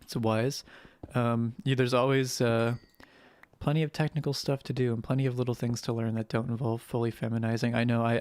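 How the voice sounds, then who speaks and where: A young adult game streamer talks in a rough, hoarse voice held soft and careful. The chat rambles, swears often and keeps turning to greet viewers mid-play. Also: mid-range voice. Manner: speaks gently to spare the voice. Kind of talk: casual live-stream gameplay commentary.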